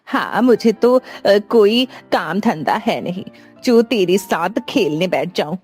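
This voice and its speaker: A woman's voice: medium pitch, expressive, slow pace, darkish tone, slightly rough, faint music behind. A woman voicing an impatient old village grandmother who brushes people off. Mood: dismissive.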